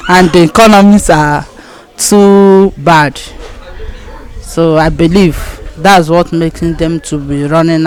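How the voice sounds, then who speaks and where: A woman's voice: deep voice, a little mellow, rough recording. A woman with a Nigerian accent giving a spontaneous answer as an interviewee. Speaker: street interviewee.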